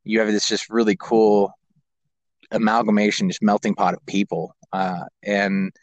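An American who grew up in Kazakhstan and Japan, now in his twenties, tells casual personal stories as a guest on a podcast interview. His voice sits on the low side with little pitch movement and a moderate pace. The sound is lo-fi, with no room sound.

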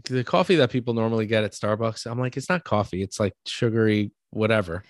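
A man with a New York accent talks through ideas in a relaxed, conversational way. He builds his points from everyday examples and keeps asking "right?" to check in. The sound is dry, with no room echo. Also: fairly low pitch, fast talker. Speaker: podcast co-host. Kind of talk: casual conversational explaining.

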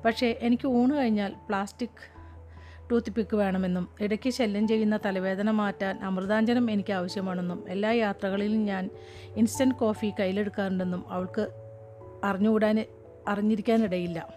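A woman's voice: medium pitch, steady tone, moderate pace, mellow. Woman reading a story over music. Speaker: story reader. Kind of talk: scripted narration of a short story. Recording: music playing behind.

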